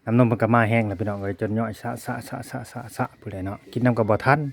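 A man's voice: fairly low pitch, steady tone, very fast. A man with an Isan Thai accent, chatting casually to viewers as he films his family at home and keeps addressing them as brothers and sisters. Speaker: vlogger filming family life. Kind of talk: casual running commentary to viewers. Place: family home in a rural village.

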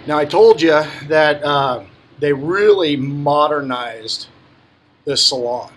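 A man narrates a relaxed boat tour, talking to his viewers as he walks from the deck into the cabin. His voice sits a bit high for a man, and the delivery stays easygoing and conversational. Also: takes it slowly. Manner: relaxed, talks to viewers while walking around. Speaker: yacht broker giving a boat tour. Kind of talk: casual walkthrough narration. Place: on a boat, outdoors then in the cabin.

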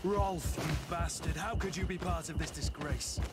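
A man's voice: on the high side, moderate pace, over loud music, close to an everyday voice. Man voicing a principled battle-hardened guard captain. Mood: firm, bitter. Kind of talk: video game voice acting. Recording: faint background noise.

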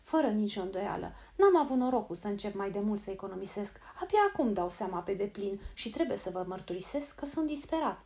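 A woman's voice: medium pitch, expressive, few pauses, dark tone, lightly acted. A woman reading the lines of a worn-out, despairing middle-aged barber in an audiobook, weary and pleading.

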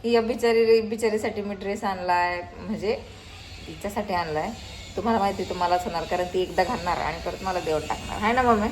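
A woman's voice: medium pitch, a little fast, a little mellow, a little hiss or hum. A young woman with a Marathi accent, chatting in a casual home vlog and repeating her words. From India. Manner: chatty, repeats words, mixes in English and Hindi. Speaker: vlogger. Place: family home.

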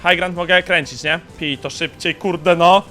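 A young man commentating his own game in an excited, slangy way, breaking into sudden shouts between quick muttered asides. His voice sits a little high and sounds bright and forceful. Music plays faintly behind him. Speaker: gaming YouTuber.

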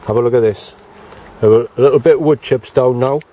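Un hombre de mediana edad con acento británico habla con naturalidad mientras recorre su huerto al aire libre, grabándose con una cámara en mano. Su voz es apagada y suave. Se oye un leve ruido exterior de fondo. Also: male voice, mid-range voice, normal speed, dark tone, slight background noise. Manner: chatty, plain-spoken, talks to viewers as he walks round. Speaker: allotment gardening vlogger. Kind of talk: casual walk-and-talk vlog. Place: outdoor allotment garden in light rain. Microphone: handheld camera, self-filmed.

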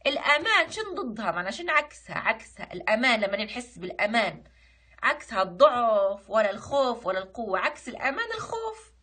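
A woman's voice: on the high side, sing-song, quick pace, pushed and bright, breathy edge. A woman teacher with a Libyan accent, reviewing a lesson online and patiently explaining. She asks questions and then answers them herself. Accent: Libyan Arabic.

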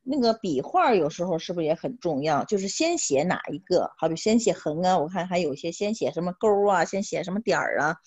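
A woman's voice: fairly low pitch, animated, fast talker, few pauses, darkish tone, husky. An older woman, an adult student in an online class, chatty and asking practical questions. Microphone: video call.

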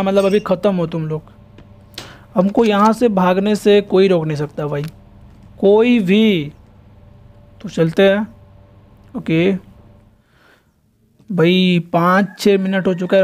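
A young man talks his way through a horror game with a fairly high voice. He is chatty and excitable, and keeps addressing his viewers as he plays. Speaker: gameplay streamer. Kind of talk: casual gameplay commentary.

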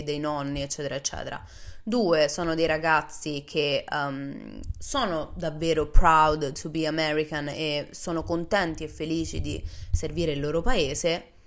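A young woman from Italy, telling a lively casual story to her viewers and acting out the quotes. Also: low voice. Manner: animated, acts out quotes in English. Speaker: vlogger.

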